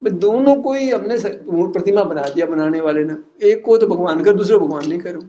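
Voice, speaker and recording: A man's voice: sits high, brisk, dark tone, muffled recording. A man giving a religious philosophical discourse, teasing his listeners with rhetorical questions and chuckling at his own points. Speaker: religious teacher.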